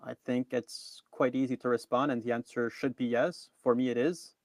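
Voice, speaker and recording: A man's voice: medium pitch, steady tone, moderate pace, no room sound. A man co-hosting a live online news review, talking casually with many ums and restarts. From Canada. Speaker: co-host.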